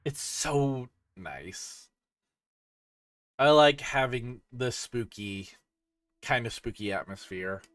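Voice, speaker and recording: A man's voice: medium pitch, animated, slow pace, long pauses, a bit bright, dry recording. A tired man casually commenting on a driving game as he plays, rambling and yawning with lots of fillers. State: sleepy. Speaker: streamer.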